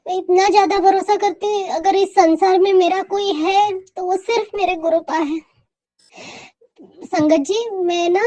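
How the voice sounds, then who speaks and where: Woman, high voice, heartfelt devotional testimony, keeps repeating thanks. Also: darkish tone. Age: adult.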